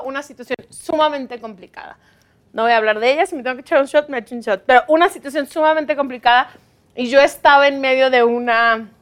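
A young woman with a Mexican accent and a high voice. She chats as a guest, telling stories freely and laughing often. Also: fairly bright tone, clean tone. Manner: chatty storyteller, laughs often. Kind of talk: casual chat.

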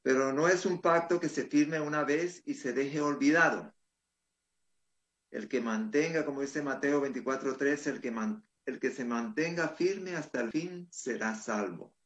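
A pastor with an ordinary, mid-pitched male voice, talking through a Bible study point in a conversational way. He cites verse after verse and corrects himself with small restarts as he goes. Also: a little slow, fairly bright tone, muffled recording. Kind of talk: Bible study panel comment.

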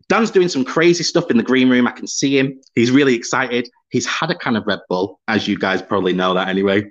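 A man's voice: mid-range voice, a bit bright. A man from the UK hosting a live-streamed podcast, chatting upbeat and laughing often as he reads out viewer comments. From United Kingdom. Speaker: podcast host. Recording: slightly dull lo-fi sound.

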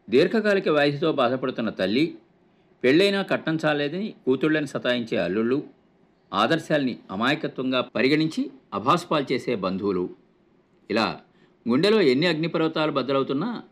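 A man narrating a short story in a measured storytelling manner, lightly voicing the dialogue. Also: medium pitch.

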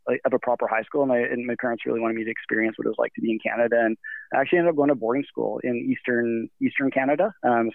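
This remote interview guest from Nigeria has a medium-pitched voice with vocal fry, recorded dry over a tinny, phone-like line. He speaks casually and rambles, with many fillers and restarts.

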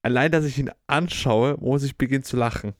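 A young man with an Austrian accent, co-hosting a casual podcast chat in a playful, teasing, deadpan way. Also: mid-range voice, brisk, no room sound, studio quality. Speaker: podcast co-host.

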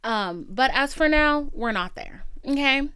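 A woman's voice: high voice, lively intonation, measured pace, pushed and bright, clear, resonant tone, no echo, clean studio sound. A woman podcast host chatting casually and confessionally to listeners, candid, slangy and emphatic.

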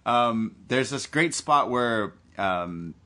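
A man's voice: mid-range voice, animated, takes it slowly, bright, forceful tone. A man hosting a podcast, giving a casual, enthusiastic fan's recap of a wrestling match. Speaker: podcast host.

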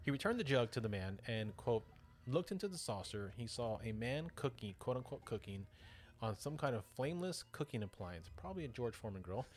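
With a brisk delivery and a mid-range voice, this male podcast host tells odd tales casually, cracking jokes, interrupting himself, and adding side remarks and self-corrections.

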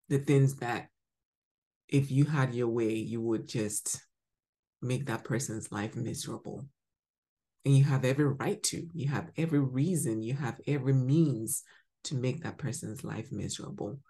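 With an extremely low, creaky voice, a woman from Ghana teaches devotionally as a podcast host. She speaks emphatically, alternating bright exclamations with soft murmurs.

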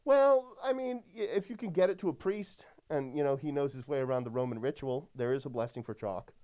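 Easygoing priest with a smooth, resonant voice. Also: male voice, on the high side, brisk, warm tone. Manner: easygoing, heavy use of "like" and "you know". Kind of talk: casual podcast chat.

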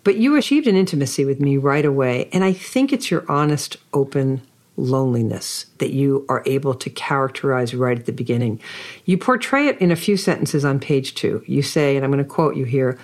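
A woman's voice: rumbling low, animated, fairly quick, a little mellow. A woman hosting an author interview, reading a prepared introduction and then asking effusive, admiring questions. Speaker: podcast host interviewing an author.

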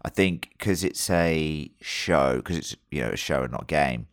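Very deep-voiced man in casual banter. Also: measured pace, clean tone, no room sound, clean studio sound. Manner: sweary, matey and jokey banter. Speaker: podcast co-host. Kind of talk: casual review chat.

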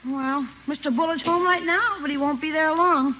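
In a 1950s radio comedy, an actor plays a cheeky, wisecracking young boy who talks bluntly and in slang, with a needling mood. The voice is high, the speed normal, and the acting light. The vintage recording sounds muffled and noisy.

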